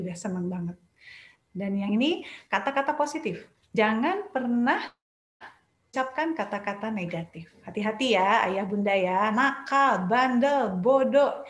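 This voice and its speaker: A woman psychologist giving parenting advice, going through her points one by one and speaking straight to the parents. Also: mid-range voice. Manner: explains in numbered points, addresses parents directly. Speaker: child psychologist. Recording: echoey room.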